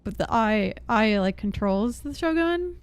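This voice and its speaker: With game music faintly in the background, a young woman offers loose, rambling play-by-play of her own game as a streamer, thinking out loud. Her mid-range voice is expressive and clean in tone, a bit slow, with no echo.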